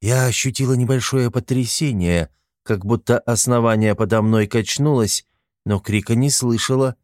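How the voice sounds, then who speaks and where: A man's voice: medium pitch, moderate pace, a little mellow, dry recording, studio quality, close to an everyday voice. A man reading an audiobook, voicing a careful, dutiful woman ally. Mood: obliging.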